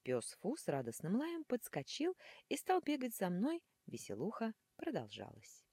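A woman reading a first-person fantasy audiobook with a husky voice, narrating dramatically and expressively. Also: mid-range voice, moderate pace, dry recording, clean studio sound. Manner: animated, dramatic, shifting into hissing whispers.

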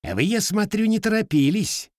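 A hot-headed police lieutenant who snaps and sneers at everyone, as a male reader puts him on. His voice jumps high and loud with indignation. The recording is close and dry. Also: big pitch swings, moderate pace, no room sound. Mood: indignant. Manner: snapping, indignant.

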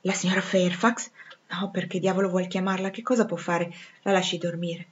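A woman reading as a brusque commanding gentleman. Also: lowish voice, level tone, normal speed, lightly acted. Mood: hushed, commanding. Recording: slightly dull lo-fi recording.

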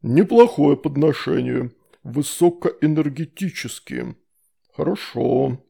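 A man reading an audiobook, voicing a huge grumpy demon uncle who drawls slow threats. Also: on the high side, lively intonation, vocal fry, warm tone, breathy edge, full character voice.

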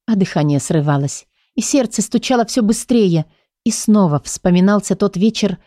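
A woman reads a first-person fantasy audiobook in an even storytelling manner. Her tone is dark and mellow. The recording is dry, with no room sound. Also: medium pitch, dry recording. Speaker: audiobook narrator.

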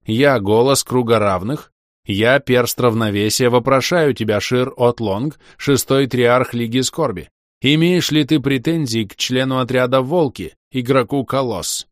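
A defiant goblin, put on by a male narrator, intoning a formal challenge slowly and gravely in a slightly raised voice. The storybook reading is dry and close. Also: medium pitch, no echo, pitched above the performer's own voice, close to an everyday voice. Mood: solemn. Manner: defiant, then slow and ceremonial. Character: bold, solemn male goblin companion.

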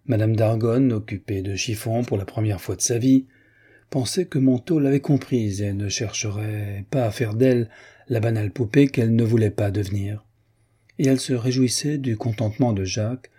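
Narrating a classic novel as an audiobook, a man reads in a low, husky voice with a dark, mellow tone. His pacing stays measured and even.

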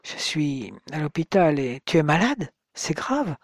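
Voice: mid-range voice, sing-song, measured pace, no echo, studio quality. A narrator voicing a direct, concerned middle-aged man, the hero's best friend, on the phone. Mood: eager, concerned.

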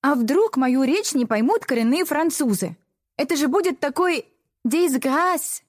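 A woman's voice: sits high, very animated, a little mellow, pitched above the performer's own voice. A woman voicing a touchy, chattering twelve-year-old girl in an audiobook. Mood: worried. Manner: fast, chirpy.

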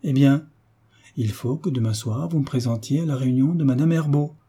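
A man's voice: medium pitch, normal speed, dark tone, breathy edge. Man reading a commanding young heiress. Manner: firm, clipped orders. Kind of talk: audiobook character reading.

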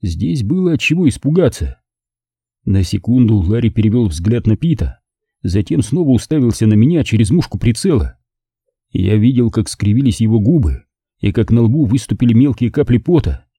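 A man narrating a first-person detective story as an audiobook, with an expressive storytelling manner. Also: on the low side, moderate pace, husky, dry recording, clean studio sound.

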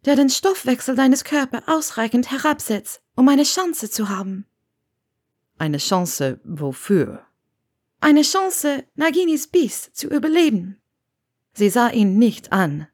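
Female audiobook reader, calm and even, slightly high voice. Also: slightly rough. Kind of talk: fan fiction audiobook reading.

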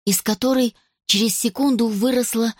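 A woman reading a children's adventure story aloud as narrator, steady and expressive. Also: on the high side, normal speed, no room sound, clean studio sound. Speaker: audiobook narrator.

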